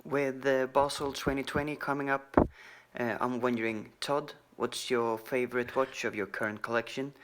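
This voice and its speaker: A man's voice: mid-range voice, steady tone, moderate pace, very noisy. A man leaving a polite, friendly voicemail for a podcast, played back over a phone line. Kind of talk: recorded voicemail message to a podcast.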